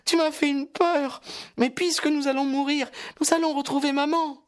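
Chirpy little girl put on by a male narrator, way up high, babbling away, kinda distant and airy sounding. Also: level tone, moderate pace. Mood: cheerful. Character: chatty, innocent little girl lost in a desert. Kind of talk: audiobook character voice.

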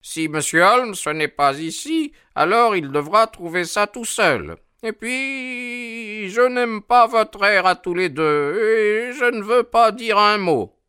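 A man reading a story aloud voices a stubborn, wheezing old sailor who talks in a high, querulous way. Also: expressive, slow, hardly any pauses, bright, forceful tone, clear, resonant tone, no echo, studio quality, exaggerated voice. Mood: indignant. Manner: querulous, obstinate.

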